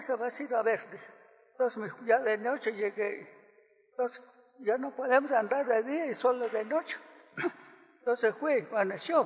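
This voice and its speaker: An older man from Guatemala giving halting, soft-spoken testimony as a witness in court. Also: high-pitched, long reverb tail.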